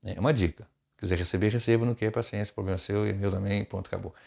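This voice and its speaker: A pastor talks off the cuff, his voice low and gravelly. His manner is chatty and informal, full of quick asides and tag questions. The recording sounds dull and lo-fi. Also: steady tone, darkish tone. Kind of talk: unscripted preaching advice.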